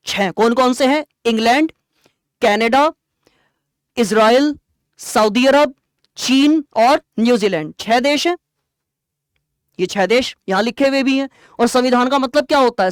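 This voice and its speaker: A male teacher giving an online exam-prep lecture, explaining terms plainly and quizzing students with quick rhetorical questions. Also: very high voice, smooth, no room sound, studio quality.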